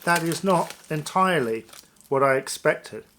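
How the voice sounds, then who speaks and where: Higher-voiced man musing through a casual review. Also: lively intonation, unhurried, bright, forceful tone, slight background noise, poor audio. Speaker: food review vlog host. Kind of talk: casual taste-test review to viewers.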